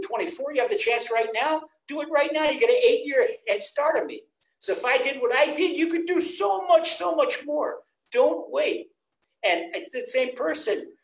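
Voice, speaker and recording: An older man teaching a Torah class from home over a video call, his voice sitting rather high for a man. He preaches earnestly and with energy, acting out the people he quotes. The webcam sound carries a roomy echo. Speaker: rabbi teaching a weekly class.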